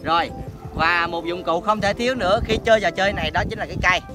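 A young man with a fairly high voice and a Southern Vietnamese accent presents a casual vlog. He explains and instructs with lots of repetition and hesitation. Loud music plays over his voice in the open air. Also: quick pace. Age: young adult. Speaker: host of a challenge video. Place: open grassy field outdoors.

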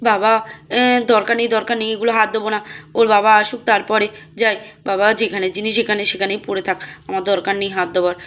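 A woman's voice: medium pitch, little pitch movement, fairly quick, a bit bright, muffled recording, voice pushed down, natural voice. A woman voicing a worried young mother who frets and talks to herself, in a doll-play story.

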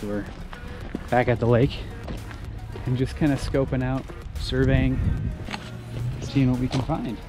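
A man's voice: mid-range voice, unhurried, pauses often, over music. A young man casually narrating a hike outdoors in the woods, talking to a handheld action camera. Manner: relaxed, easygoing narration to camera. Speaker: vlogger. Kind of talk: casual hiking vlog chat. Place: outdoors in wooded lakeside hills.

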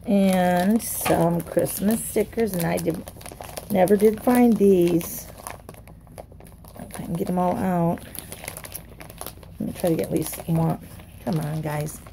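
Woman, mellow low voice, faint background hiss, chatty, gushing craft unboxing. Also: slow pace, gravelly, pauses often. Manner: gushing, chatty, talks to viewers while unwrapping. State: tired. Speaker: craft vlogger. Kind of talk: casual unboxing chat.

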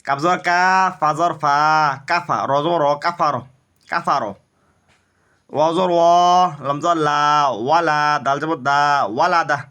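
A man with a Bangladeshi Bengali accent teaching Quran reading, spelling out each letter and vowel mark and then blending the syllables in a steady, repetitive drill. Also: fairly high pitch, measured pace. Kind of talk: slow spelled-out Quran recitation lesson.

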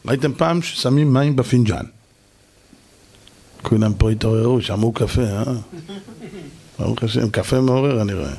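A man giving a lively sermon to an audience, asking questions and answering them himself, and acting out shouting and calm voices. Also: mid-range voice, vocal fry, pauses often, breathy edge. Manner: animated, mimics shouting and soft calm voices for effect. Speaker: rabbi giving a Torah lesson.

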